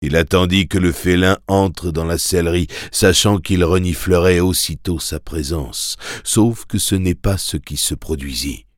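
A man narrating a story in the first person in a measured, grave way, for an audiobook. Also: low voice, no room sound, clean studio sound.

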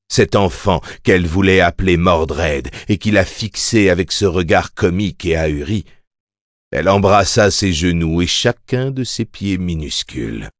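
A man narrating an audiobook in a measured, steady reading voice. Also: sits low, no echo, studio quality. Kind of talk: scripted narration.

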